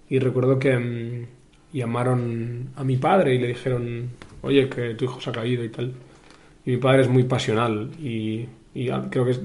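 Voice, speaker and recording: Young male podcast host from Spain, reflective monologue, even and flat, mid pitch, halting with fillers. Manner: thoughtful, many pauses and fillers, addresses the listener.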